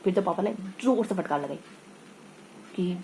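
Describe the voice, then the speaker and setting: A woman teacher leads an online exam-prep session in a conversational way, often checking in with tag questions. She weaves in motivational stories. Her voice is dark and mellow, with faint hiss behind it. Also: fairly low pitch, expressive, normal speed, rough recording. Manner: motivational storytelling.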